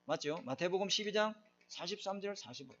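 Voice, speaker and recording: A man's voice: high-pitched, lively intonation, fairly quick, fairly bright tone, a little hiss or hum. A middle-aged man preaching a sermon, emphatic and often asking his congregation questions. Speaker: pastor. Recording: dull lo-fi recording.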